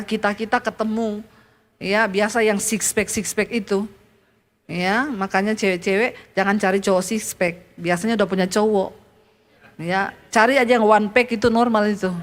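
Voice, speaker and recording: A woman pastor from Indonesia preaches in a high voice. Her delivery is animated and storytelling, swinging between high and low as she speaks. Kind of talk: sermon.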